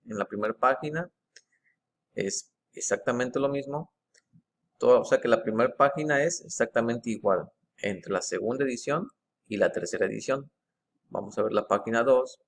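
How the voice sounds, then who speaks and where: A man with a fairly low voice talks slowly and methodically, as if going over a page on screen. He stops often to reread passages aloud, pointing out each small change in wording. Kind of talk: screen-share walkthrough.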